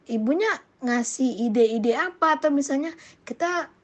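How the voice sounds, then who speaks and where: A woman with a fairly high voice gives an informal Islamic parenting talk and answers viewer questions. Her delivery is hesitant and full of fillers and self-corrections, turning animated when she acts out examples. The audio is dull and lo-fi. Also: unhurried.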